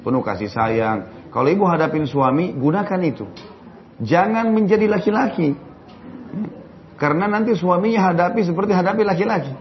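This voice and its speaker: A man preaching and answering religious questions in a jokey lecture full of rhetorical questions. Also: high-pitched. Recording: dull recording, faint crowd and noise.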